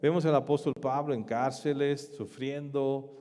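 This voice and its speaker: A man preaching a sermon as pastor, emphatic, with rhetorical questions and swings between loud and soft. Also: medium pitch, steady tone, unhurried, big-room sound.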